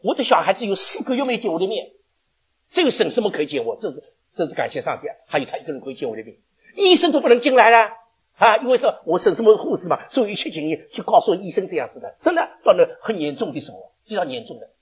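A man's voice: high voice, sing-song, fast talker, husky. A man preaching a sermon, telling stories in a chatty way with laughs and stammered restarts.

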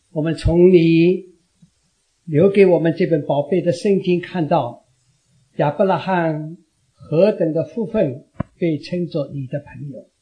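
A pastor leads his congregation in prayer, speaking in a solemn, measured way. His voice is mellow and sits slightly high for a man, and he takes his time over each phrase. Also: breathy edge. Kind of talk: public prayer.

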